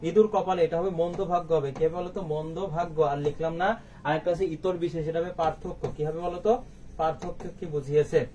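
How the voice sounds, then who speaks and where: A man's voice: fairly high pitch, steady tone, quick pace, darkish tone. A man teaching a live online exam-prep class, asking questions and then answering them himself. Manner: quizzing, rhetorical questions and answers. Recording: faint background noise, slightly distant mic.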